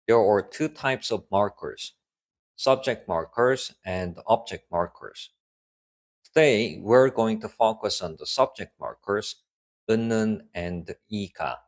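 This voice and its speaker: A young Korean-speaking man, whose first language is Korean, delivers a scripted, clearly spoken online English lesson that includes example sentences in Korean. He speaks in a lowish voice.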